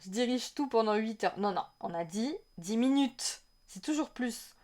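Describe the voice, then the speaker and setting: A fairly high-voiced woman talks her way through a game trailer on a live stream, speaking straight to her viewers. She rambles, restarts and reads their chat aloud, and bursts out in excitement whenever something new shows up on screen. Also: normal speed. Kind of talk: casual live-stream reaction.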